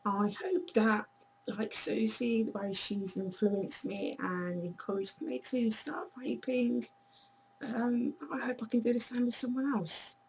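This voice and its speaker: A woman chatting casually to camera in a vlog, her voice hoarse and failing, blunt and swearing now and then. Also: fairly high pitch, unhurried, darkish tone, slight background noise, rough recording. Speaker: vlogger.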